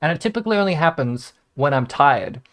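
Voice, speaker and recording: A man's voice: fairly high pitch, animated, fairly quick, fairly bright tone. A young man, a gaming content creator, telling a rambling, self-mocking story in casual chat to his viewers. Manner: rambling, jumps between tangents, wry and self-mocking.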